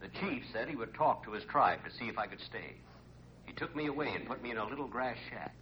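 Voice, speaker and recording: Male comedian as drily earnest castaway storyteller, animated intonation, muffled vintage radio comedy recording. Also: medium pitch, quick pace, heavy background noise, close to an everyday voice. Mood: deadpan. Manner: deadpan. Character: castaway man narrating his island adventure, drily earnest. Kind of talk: radio comedy first-person narration. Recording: muffled old radio, loud audience.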